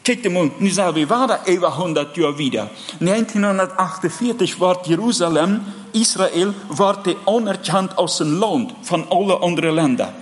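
A man preaching a sermon in an earnest, halting way, often breaking off and restarting his phrases. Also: high-pitched, lively intonation. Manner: earnest, halting delivery with many broken-off phrases. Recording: long hall reverb.

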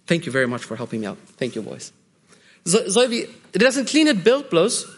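A man preaching a sermon, often repeating key phrases for emphasis and pausing mid-sentence as he searches for words. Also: sits high, huge pitch swings, husky.

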